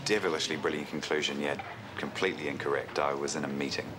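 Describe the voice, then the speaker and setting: A man's voice: very deep voice, steady tone, quick pace. An actor playing a suave, teasing professional man in a TV soap, speaking with wry, wordy formality. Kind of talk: television soap opera dialogue. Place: large indoor clinic reception. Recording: noisy ambient TV soundtrack.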